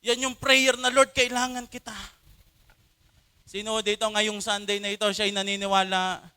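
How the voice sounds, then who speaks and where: A man's voice: high-pitched, flat delivery, fairly quick, sharp tone, smooth. A man preaching a sermon at a church service, impassioned and mixing Tagalog with English, with emphatic swells. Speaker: pastor.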